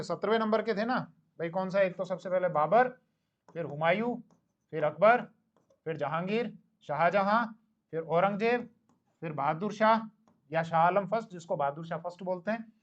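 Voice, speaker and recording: A man whose voice sits high delivers a recorded history lecture at a moderate pace, heard through dull audio. Storytelling is his method, complete with acted-out dialogue and questions he puts forward and resolves on his own.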